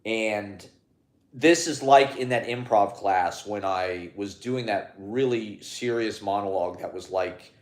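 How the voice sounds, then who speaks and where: With a voice on the low side and roomy sound around him, a man who performs as a clown rambles to his phone, stopping and restarting and leaning on fillers.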